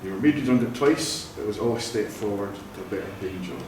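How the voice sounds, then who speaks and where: A Scottish man with a fairly low voice talks fast as a wedding celebrant leading a vow renewal in a church hall. Jovial and laughing often, he shares family stories; the recording is echoey, distant-miked and carries background noise.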